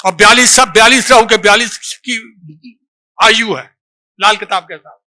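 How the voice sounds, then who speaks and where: A man's voice: sits high, moderate pace, bright, forceful tone. A man giving a lecture to a live audience as a seminar speaker, reciting verse and quizzing listeners with short questions. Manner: recites lines of verse from a book.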